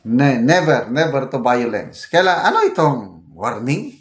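A man's voice: medium pitch, animated, measured pace. An older Filipino man, a retired general, giving casual political commentary, reading comments aloud and growing indignant. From Philippines. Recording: roomy echo.

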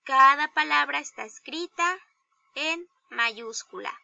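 A woman teacher with a Mexican Spanish accent, giving a slow, deliberate grammar lesson to young children and asking them questions. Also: high voice, gravelly, sharp tone, dry recording, lo-fi sound. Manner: slow, deliberate, spells out each example; addresses pupils directly with questions. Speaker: primary school teacher.

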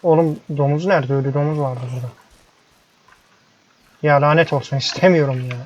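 In casual let's-play commentary, a young YouTuber talks to the animals in a ranch game, frustrated and grumbling. His pitch is medium. The recording comes through a dull, lo-fi headset microphone with faint noise.

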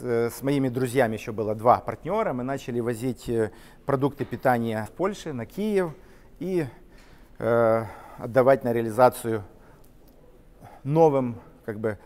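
Middle-aged man, business co-founder, animated, steady mid pitch, long hall reverb around him. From Ukraine. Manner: animated, gesturing while walking and talking. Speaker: company co-founder. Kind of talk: interview, business story. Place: large factory halls and offices, indoors. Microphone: camera-mounted shotgun mic.

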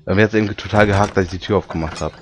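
A man commenting on a horror game, joking and reading the English on-screen text aloud haltingly. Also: deep voice, steady tone, a little hiss or hum. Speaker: let's play commentator. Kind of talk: casual gaming commentary.

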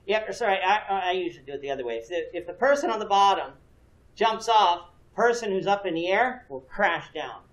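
Expressive and brisk, with a high, a-bit-bright voice, a man in his thirties leads a Bible class at church. Earnestly explaining and asking his students questions near a projection screen, he is heard from a far camera with no visible mic in an echoey room.

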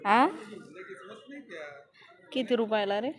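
A woman's voice: a little high, steady tone, very slow, low-quality recording. A woman narrating a casual family vlog and coaxing answers from a small child. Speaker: vlogger.

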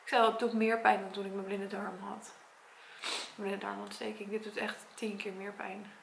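A Dutch woman in her twenties talking to her camera at her parents' home, tearful and congested from crying, in a soft, halting voice. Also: medium pitch, little pitch movement, gravelly, roomy sound, slight background noise. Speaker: vlogger and primary school teacher. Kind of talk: personal vlog talk to camera. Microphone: camera mic.

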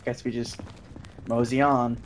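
A man's voice: mid-range voice, little pitch movement, measured pace, slight background noise. A young man chatting during a co-op war game, dry and joking, swearing when something startles him, on a headset mic. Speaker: gamer. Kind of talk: co-op gameplay chat.

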